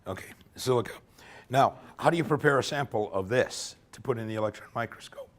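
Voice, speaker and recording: A man whose voice sits in the mid range and moves a little fast is losing his voice during a casual technical workshop lecture. He checks in with listeners in the lecture room by often ending points with a conversational "okay?"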